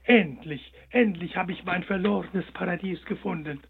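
A small, lonely young hare from a storybook, earnest and pleading, as a man puts him on. The voice sits high with a gravelly edge. It sounds tinny, as if heard over a phone. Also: moderate pace.

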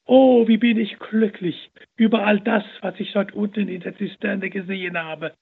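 A man's voice: high-pitched, steady tone, normal speed, gravelly, slightly rough, narrow, tinny audio, voice pushed up, exaggerated voice. A man doing a joyful rescued little girl. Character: young girl, rescued, overjoyed and sorry.

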